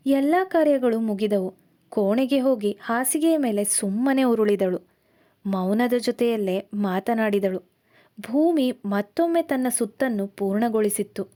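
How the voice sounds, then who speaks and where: A woman narrates a scripted story in a slow, emotional, literary way. Her voice sits somewhat high and has a mellow, warm tone.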